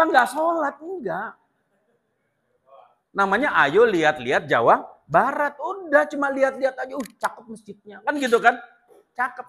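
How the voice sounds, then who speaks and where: A man's voice: on the high side, fairly bright tone. A middle-aged man preaching a casual, humorous sermon in a prayer hall. He keeps asking the listeners questions and often calls them "sir". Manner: chatty, asks the audience questions; often addresses listeners as "Pak".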